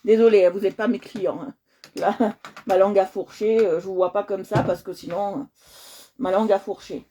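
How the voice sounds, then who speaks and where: A woman's voice: mid-range voice, steady tone, moderate pace, dark tone. A woman hosting a coloring livestream, chatting casually with her viewers and often repeating herself as she checks in with them.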